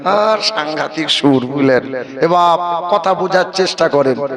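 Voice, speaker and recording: A man with a Bardhaman Bengali accent preaching a waz in a high, carrying voice. He moves between chanted sing-song lines, comic storytelling and questions fired at the audience. A crowd is clearly heard behind him. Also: measured pace. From Bardhaman, West Bengal. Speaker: Islamic preacher.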